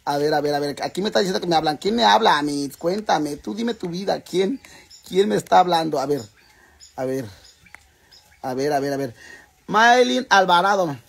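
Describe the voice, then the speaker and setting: His voice sits high and sounds animated, creaky and breathy as he talks at a moderate pace. He's a Mexican Spanish–accented man running a casual, rowdy cooking live stream, cursing freely and calling everyone watching "hermanas."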